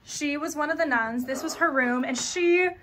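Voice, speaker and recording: A woman's voice: sits high, normal speed, crowd noise. A young woman hosting a paranormal vlog, talking in a chatty, jittery way inside an abandoned hospital. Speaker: vlog host. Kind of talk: casual paranormal vlog chat.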